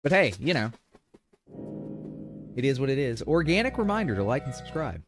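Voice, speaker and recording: A man's voice: mid-range voice, big pitch swings, moderate pace, faint music behind. Chatty, playful streamer man. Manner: playful, chatty, addresses chat. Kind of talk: casual live-stream commentary.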